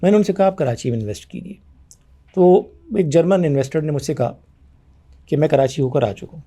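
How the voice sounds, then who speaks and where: Mellow-voiced man arguing his case. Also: fairly high pitch. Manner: forceful, argumentative, acts out both sides of past conversations. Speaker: guest. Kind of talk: conversational interview.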